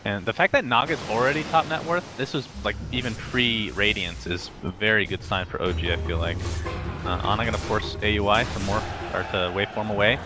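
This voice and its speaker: A man's voice: lowish voice, brisk, music in the background. A man calling a video game match play by play, trading teasing banter with his co-caster. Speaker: esports play-by-play commentator. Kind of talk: game commentary. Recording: noisy broadcast audio.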